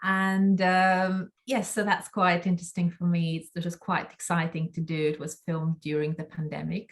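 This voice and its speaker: Thoughtful woman guest on a call. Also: lowish voice. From Latvia. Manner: thoughtful, with frequent ums and restarts. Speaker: actress guest. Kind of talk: interview conversation.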